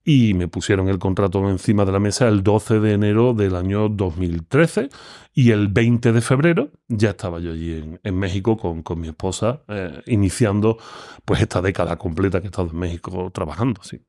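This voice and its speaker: Guy in an interview, lowish voice, pauses and restarts a lot while he remembers stuff. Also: warm tone. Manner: reflective, with many restarts and hesitations. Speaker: philosopher guest. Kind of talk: conversational interview.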